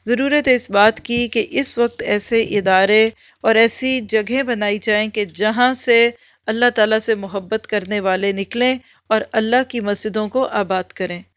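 A woman's voice: on the high side, no room sound. Woman giving a muffled religious lecture. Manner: explanatory, asks rhetorical questions and answers them. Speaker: Islamic religious teacher. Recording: muffled lo-fi recording.

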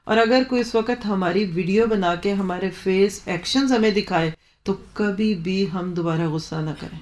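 A woman giving a parenting talk, explaining with homely examples and mixing in English phrases. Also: mid-range voice. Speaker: parenting speaker.

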